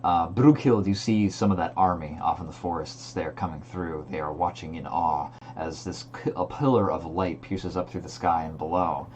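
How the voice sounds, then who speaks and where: A man's voice: low-pitched, normal speed, hardly any pauses, a little mellow, a little hiss or hum. A man working as game master, narrating a fantasy tabletop game in an improvised, descriptive way.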